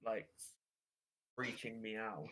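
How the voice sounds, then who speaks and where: A man's voice: fairly low pitch, very slow, sharp tone, poor audio. A man playing a tabletop game, chatting casually and joking. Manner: joking, playful. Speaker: player.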